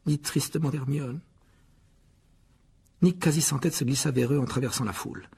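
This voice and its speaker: A man reading a novel aloud as audiobook narrator, lively storytelling. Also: medium pitch, fast talker, creaky, husky. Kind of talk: scripted narration.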